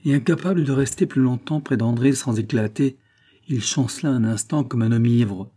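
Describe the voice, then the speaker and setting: A man narrating a classic novel as an audiobook in a measured, dramatic reading. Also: medium pitch, warm tone.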